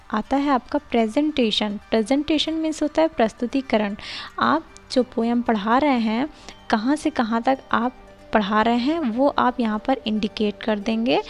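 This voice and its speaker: A woman explains a lesson plan step by step as a tutor, moving between Hindi and English. She reads each English phrase slowly and deliberately. Her voice sits fairly high with a gravelly edge, and faint music plays behind her. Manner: slow deliberate reading of English lines. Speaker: teacher-training tutor.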